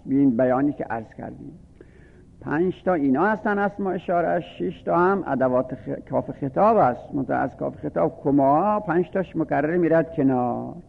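Male teacher, gravelly, patient drilling delivery; lo-fi phone-band recording in a reverberant space. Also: mid-range voice. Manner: patient, repetitive enumeration, drilling word forms. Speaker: religious studies teacher. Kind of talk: lecture on Arabic grammar. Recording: phone-like lo-fi audio with long reverb.

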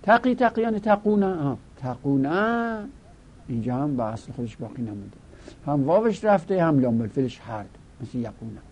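Man, teacher, grammar lesson, mellow dark tone, repeats forms slowly. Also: mid-range voice, sing-song, breathy edge. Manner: drills forms aloud, repeating them slowly.

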